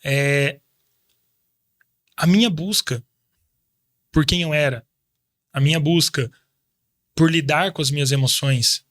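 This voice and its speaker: A man's voice: fairly high pitch, slow pace, pauses often, a bit bright, dry recording, clean studio sound. Reflective Brazilian man in his thirties. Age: 30s. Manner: reflective, faith-driven, hesitant restarts. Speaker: guest. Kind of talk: casual interview chat. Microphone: studio microphone.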